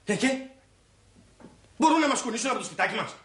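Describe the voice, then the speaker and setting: An actor playing a boastful, excitable husband who rants with swagger about the riches he expects. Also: very high voice, roomy sound. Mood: bragging. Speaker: husband scheming to get rich.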